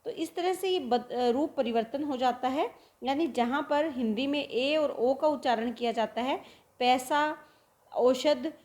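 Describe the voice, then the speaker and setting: A woman with a high voice gives a literature lesson. She talks steadily and explains patiently, repeating example words slowly and putting questions to herself before she answers them. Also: darkish tone. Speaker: teacher. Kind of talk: Hindi literature lecture.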